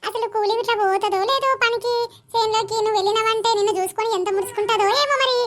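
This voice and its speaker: A woman's voice: very high-pitched, steady tone, rapid-fire, fairly bright tone, a little hiss or hum. A woman performing a village comedy skit, talking in a chatty, teasing way. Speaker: comedy skit creator voicing all parts.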